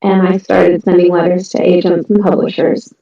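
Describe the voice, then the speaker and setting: Fairly low and creaky, with a flat delivery at a moderate pace, the voice belongs to a middle-aged woman who writes independently. She chats earnestly and casually about her work, restarting frequently and filling gaps with ums. It's a voice call from her home on a computer mic, so the sound is distant, echoey and muffled.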